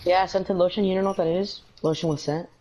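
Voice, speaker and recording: A man's voice: high voice, fairly even intonation, quick pace, heavy background noise. A young man chatting bluntly with friends over voice chat during a game, cursing often. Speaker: gamer. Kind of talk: casual gaming chat.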